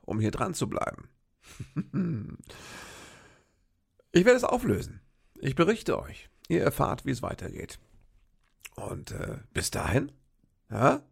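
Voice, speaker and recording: A man's voice: on the high side, vocal fry, husky. An older man hosting a podcast, telling a long story in a rambling, chatty way and often turning to his listeners with a questioning "ne?". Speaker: podcast host. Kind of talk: casual storytelling monologue.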